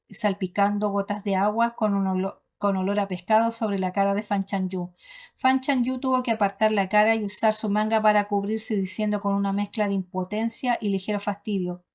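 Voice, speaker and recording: A woman reading a novel aloud as an audiobook narrator, steady and often stopping to correct herself. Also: mid-range voice.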